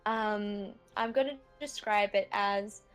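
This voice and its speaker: A woman's voice: medium pitch, fairly even intonation, clean tone, faint music behind, low-quality recording. A woman narrating a tabletop game as game master, describing scenes with frequent fillers. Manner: unhurried, descriptive, many fillers.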